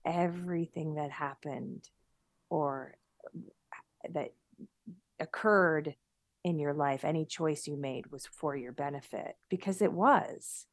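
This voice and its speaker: Middle-aged woman guest, earnest and animated, kinda low voice, dry sound, chatting on a call. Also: slow pace, long pauses, no room sound. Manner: earnest, animated, many restarts. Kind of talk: conversational interview. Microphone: remote call.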